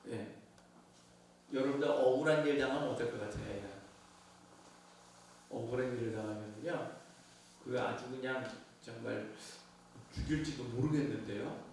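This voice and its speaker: A man's voice: mid-range voice, moderate pace, long pauses, a little mellow, slight background noise. A male pastor giving a conversational sermon to his congregation, often asking them questions. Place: church sanctuary. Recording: echoey church from far off.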